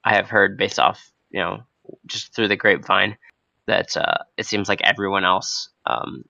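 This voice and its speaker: A young man hosting a casual, spontaneous podcast with a hoarse, froggy voice from a cold, talking in a hesitant, unscripted way. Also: low-pitched, steady tone, normal speed, sharp tone, no room sound. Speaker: podcast host. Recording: dull, lo-fi close recording.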